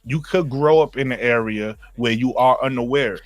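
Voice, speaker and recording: A man's voice: medium pitch, moderate pace. A man from Brooklyn with a New York accent, talking emphatically in a casual group discussion, repeating phrases and calling people bro.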